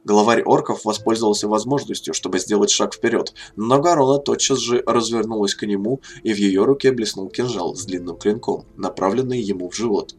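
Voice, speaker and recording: Low-voiced male audiobook narrator. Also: husky. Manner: steady, measured reading. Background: faint music.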